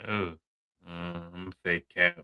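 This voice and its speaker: A man's voice: deep voice, level tone, measured pace, sharp tone, clean tone. A man co-hosting a casual live podcast, answering in short, offhand remarks. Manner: brief, offhand replies. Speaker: podcast co-host. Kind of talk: casual live-stream chat.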